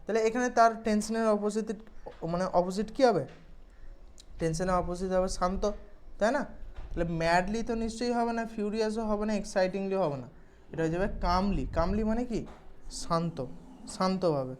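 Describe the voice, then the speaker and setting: A woman's voice: mid-range voice, quick pace, darkish tone. A woman, explaining English exam questions in a casual lesson and checking in often with her students. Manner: conversational, checks in with "okay?" often.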